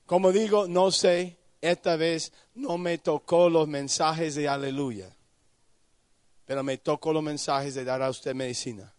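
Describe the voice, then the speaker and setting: A man preaching a sermon at a youth conference, asking listeners questions by name and swinging from quiet low warnings to high shouted pleas. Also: fairly even intonation, a little slow, no echo, clean studio sound. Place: conference hall.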